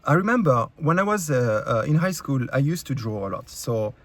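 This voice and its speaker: With a mid-range, sing-song voice at a moderate pace, a French-accented man from France rants furiously into the camera for his YouTube viewers. The recording is dry, and his blunt, heated outburst is thick with profanity, fillers, and restarts.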